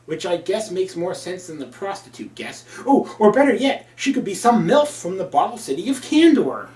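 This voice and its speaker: A man's voice: sits high, very animated, moderate pace, a little mellow. A man reviewing an old comic book with sarcastic, crude asides. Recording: roomy, from a distance.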